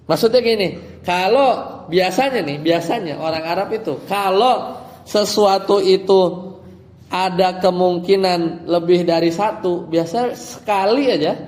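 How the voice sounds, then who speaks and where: A man's voice: high-pitched, a little slow, darkish tone, big-room sound. A man teaching an Arabic grammar lesson in a casual style, explaining step by step and asking his students rhetorical questions. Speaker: Islamic teacher.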